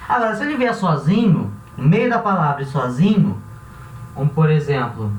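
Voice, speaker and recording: A man teaching a language class who talks patiently and repeats each word slowly, often checking in with his students. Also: a little high, lively intonation, far from the mic. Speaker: Spanish teacher. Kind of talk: classroom lesson. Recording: roomy, dull sound from off mic with faint hiss.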